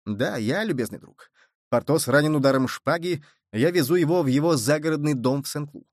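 A man voicing a bold, quick-witted musketeer who speaks briskly and confidently in an audiobook. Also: on the high side, animated, no echo, clean studio sound, natural voice.

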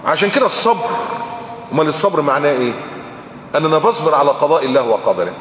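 Animated Egyptian preacher, fast delivery. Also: male voice, a little high, slight background noise. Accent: Egyptian Arabic. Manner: animated, rhetorical questions, chants Quran verses. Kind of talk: sermon. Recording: echoey hall recording.

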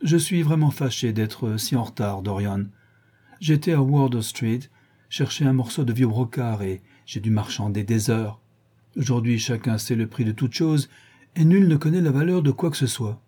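A man voicing a witty, cynical aristocratic gentleman who drawls ironic aphorisms in an audiobook reading. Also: mid-range voice, moderate pace, breathy edge, lightly acted.

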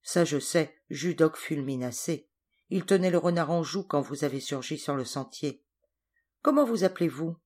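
A woman's voice: low voice, animated, moderate pace, darkish tone. A woman voicing a kindly, grieving woman who cooks and cares for a band of hunters in an audiobook story. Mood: gentle.

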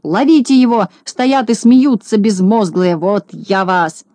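A woman voicing a furious bald male shorty landowner, shouting and screeching threats. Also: medium pitch, moderate pace, no echo, lightly acted. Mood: shrill rage.

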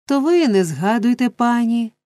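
A woman's voice: on the high side, expressive, normal speed, warm tone, dry recording, clean studio sound, voice pushed up, lightly acted. A woman reading a storybook, voicing a pompous middle-aged male parish beadle who speaks with stately solemnity. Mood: indignant, solicitous. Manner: stately, solemn, flustered at times.

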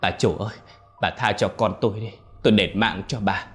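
A man's voice: fairly low pitch, fairly even intonation, brisk, fairly bright tone, soft background music, natural voice. A man voicing a desperate middle-aged mother begging for her son's life in a ghost story. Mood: pleading. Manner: pleading, begging.

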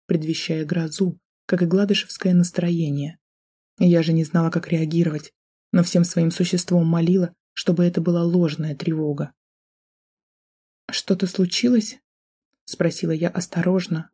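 A woman's voice: lowish voice, level tone, moderate pace, dark tone, slightly rough. A woman narrating a novel in the first person, telling it in a tense, emotional way. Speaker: audiobook narrator.

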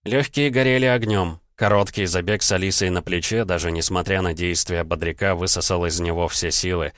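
Deep male voice, audiobook narration, steady measured reading, dry close recording. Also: no room sound.

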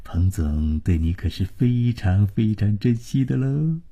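A man's voice: fairly low pitch, lively intonation, measured pace, mellow, voice pushed down. A man voicing a smug, flirty middle-aged boss who haggles in a wheedling way, in a storytelling reading. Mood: haggling. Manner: wheedling, bargaining.

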